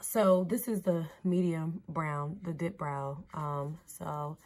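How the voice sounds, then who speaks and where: Chatty, slangy woman with a low voice. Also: steady tone, takes it slowly, a little mellow. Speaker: beauty vlogger host. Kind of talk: casual makeup tutorial chat. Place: indoors by a mirror.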